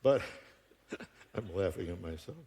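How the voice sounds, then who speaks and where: With a deep voice and a slightly slow delivery, an older man from Buffalo, New York, preaches a humorous sermon as a guest speaker in a church auditorium. He's a joking, animated storyteller who laughs frequently.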